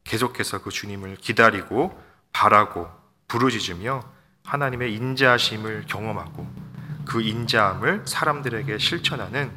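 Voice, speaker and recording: A man's voice: fairly low pitch, moderate pace, bright, forceful tone, slight background noise. A man preaching a sermon as a pastor, earnest and emphatic, urging his listeners again and again. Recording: long reverb of a hall.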